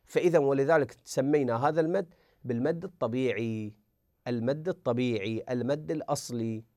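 A man's voice: mid-range voice, fairly quick, warm tone, no room sound. A man teaching a tajweed lesson who speaks patiently, repeats words and drills the examples aloud. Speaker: Quran recitation teacher.

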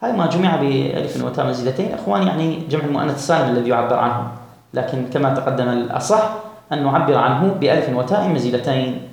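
A man teaching a grammar lesson, reading the text slowly and stretched, then explaining it quickly and asking the class questions. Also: mid-range voice, creaky. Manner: asks the class questions and urges them to follow. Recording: very echoey room.

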